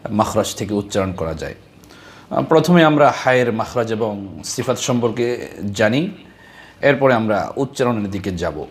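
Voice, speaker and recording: A man gives a patient recitation lesson at a very unhurried pace, stretching out each sound. His pitch sits in an ordinary middle range, and he repeats short syllables over and over so learners can copy them. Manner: slow, deliberate, drawing out sounds and repeating syllables. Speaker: Quran recitation teacher. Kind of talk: slow, patient tajweed lesson.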